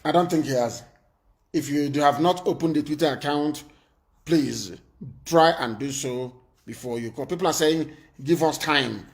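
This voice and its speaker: A man hosting a live call-in talk show who talks in a commanding way, repeats his points and scolds his callers. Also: fairly high pitch. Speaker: live stream host taking calls.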